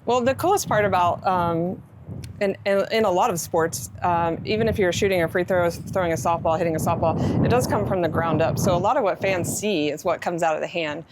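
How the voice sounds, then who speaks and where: A woman softball coach explaining technique casually and enthusiastically. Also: on the low side, brisk, noisy background.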